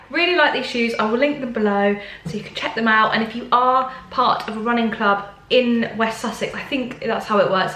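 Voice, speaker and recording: A young woman talks to camera in a bubbly, casual vlog style, peppering her speech with ums and likes. Her voice sits in a middle pitch and carries a noticeable room echo. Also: fairly bright tone. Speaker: vlogger.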